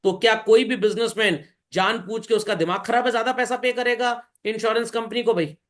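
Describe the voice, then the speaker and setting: A man's voice: high voice, fairly even intonation, brisk, a bit bright. Man, accounts teacher, classroom lecture, questions and answers himself. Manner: questions students and answers himself, mixing Hindi and English; calls listeners bhai and children.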